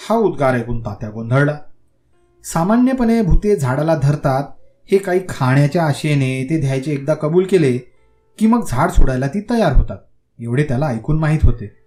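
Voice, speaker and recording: A man's voice: a little high, mellow. Man narrating a village ghost tale. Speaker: storyteller. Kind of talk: scripted story narration. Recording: faint guitar music behind.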